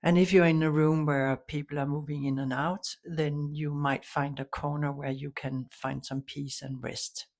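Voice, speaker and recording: Speaking in a low voice, this woman leads a guided meditation, her gentle directions unhurried, calm, and broken by long pauses.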